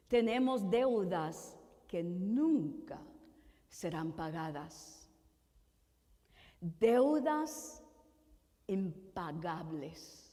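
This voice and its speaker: A woman minister preaching a sermon, asking slow rhetorical questions one after another and sometimes rising to a shout. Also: medium pitch. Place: church. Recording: long reverb of a hall.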